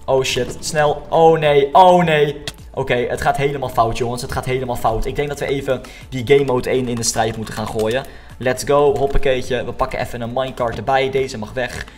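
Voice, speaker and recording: Young male gaming YouTuber, excitable, mid-range voice, talks straight to viewers with English slang, music underneath. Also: medium pitch, a little fast. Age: young adult. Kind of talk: excited Minecraft gameplay commentary.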